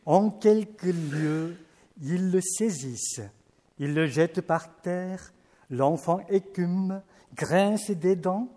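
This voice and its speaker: A man's voice: high voice, drawn-out words, warm tone, voice pushed up. A man reading out the words of a desperate father pleading for his son, in an earnest way.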